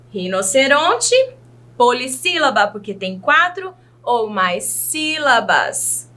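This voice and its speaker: A Brazilian woman teacher giving a children's video lesson, speaking in a slow, teacherly way and asking the children questions. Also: a little high, pushed and bright. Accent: Brazilian Portuguese. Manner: slow, sing-song teacherly delivery, asks children questions.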